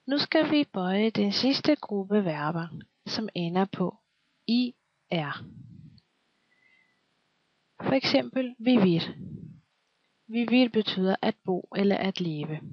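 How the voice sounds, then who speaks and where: A woman teaching a scripted language lesson, speaking slowly and patiently and pausing so the listener can answer. Her voice sits in an ordinary middle pitch. The recording is dull and lo-fi, with a dry, close sound. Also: no room sound. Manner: slow, patient quizzing with pauses for the listener to answer.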